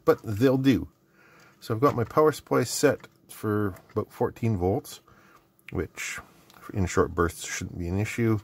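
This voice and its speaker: Slightly slow and breathy-edged, a lowish male voice comes from a middle-aged man hosting an electronics mailbag video. Working at an indoor bench, he unboxes and tests gadgets with casual, rambling commentary and muttered asides to himself.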